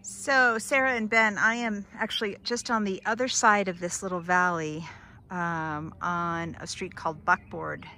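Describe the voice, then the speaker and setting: A woman's voice: on the low side, fairly even intonation, unhurried, sharp tone, a little hiss or hum. A middle-aged woman real estate agent walks through an empty house with a phone camera, chatting enthusiastically to her clients. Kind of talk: casual home walkthrough tour. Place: empty house, then outdoors in a yard and driveway. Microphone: phone camera held while walking.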